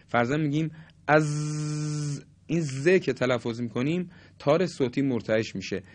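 A man teaching a lesson on how letters are pronounced, speaking deliberately and politely and sounding out examples aloud. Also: fairly high pitch. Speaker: Quran recitation teacher. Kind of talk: explanatory lesson on letter articulation.

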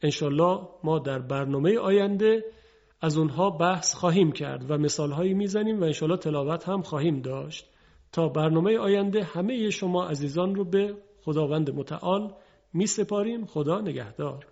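A man teaching Quran recitation, slowly and deliberately enunciating letter sounds for his students. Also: on the high side, gravelly, dark tone. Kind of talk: scripted instructional lesson. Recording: dull lo-fi broadcast audio.

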